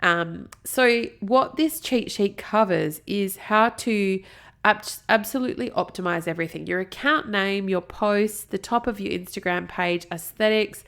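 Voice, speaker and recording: Hosting her own marketing podcast, a South Australian woman in her thirties speaks a little slowly in a mid-pitched, fairly bright voice with vocal fry, a bit stuffy from a blocked nose. Chatty and upbeat, she happily drifts onto small tangents before returning to her point.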